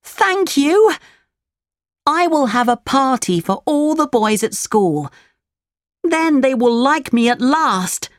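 A woman voicing an eager, impulsive wooden puppet boy in a shrill, excited voice. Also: slow pace, no echo, clean studio sound, full character voice.

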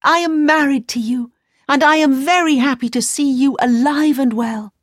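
A woman voicing a gentle, loving young princess in a storybook reading, with lively, bright speech. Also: high-pitched, moderate pace, dry recording, clean studio sound, voice pushed up, close to an everyday voice. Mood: telling.

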